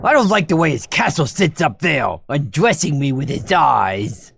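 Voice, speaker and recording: A man voicing a dim, excitable cartoon athlete playing colonel, bombastic like a booming prize announcer. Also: normal speed, gravelly, a little hiss or hum, heavily acted. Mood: sheepish, grumbling. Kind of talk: cartoon game acting.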